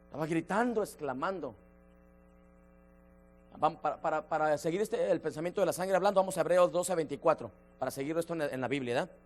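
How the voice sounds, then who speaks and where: A man leading a church Bible study, emphatic, slowing down to stress key words and addressing listeners by name. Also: a little high, faint music behind. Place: church sanctuary.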